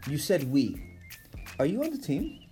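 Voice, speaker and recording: A man's voice: on the high side, wildly swooping pitch, normal speed, dark tone, soft background music. A man co-hosting a casual radio chat, teasing his guests and laughing often. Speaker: radio co-host.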